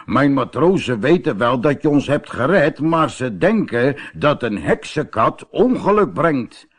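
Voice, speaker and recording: A man voicing a firm, kindly ship's captain in a storybook reading, speaking loudly. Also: medium pitch, big pitch swings, a little slow, husky. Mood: regretful. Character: gruff kindly ship's captain, male, middle-aged.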